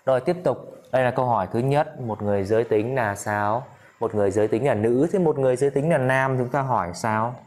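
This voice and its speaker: A man's voice: mid-range voice, darkish tone. Man teaching in a chatty drilling style. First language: Vietnamese. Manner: repeats phrases slowly for drilling, addresses listeners often. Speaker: English teacher. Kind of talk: casual spoken lesson.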